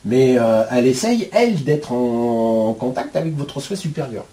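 A man's voice: mid-range voice, lively intonation, normal speed, dark tone. A man giving a spiritual lecture at a board, colloquial and blunt, full of asides. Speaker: spiritual teacher.

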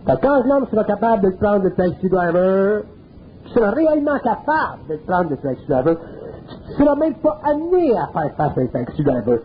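A man's voice: high-pitched, big pitch swings, fairly quick, a little hiss or hum. A man with a Quebec French accent gives a spiritual lecture in a colloquial, earthy, emphatic way. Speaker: speaker. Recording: narrow phone-like old tape.

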